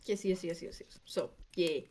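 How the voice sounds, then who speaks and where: A woman's voice: lowish voice, moderate pace, a little mellow, slight background noise. A woman co-hosting a podcast, in casual chat, joking in a playful, laid-back way. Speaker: podcast co-host.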